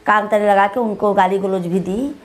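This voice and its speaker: A middle-aged woman speaking Hindi with a Bhojpuri tinge is interviewed as the mother of the deceased, giving emotional testimony. Her mid-range voice moves at a moderate pace with fairly even intonation. She rambles, repeats herself, and acts out what others said to her.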